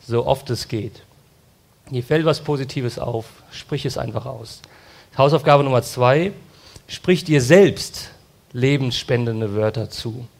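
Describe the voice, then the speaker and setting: A male pastor delivering a sermon at an ordinary middle pitch. He speaks earnestly and directly to his listeners. Now and then he briefly voices quoted phrases.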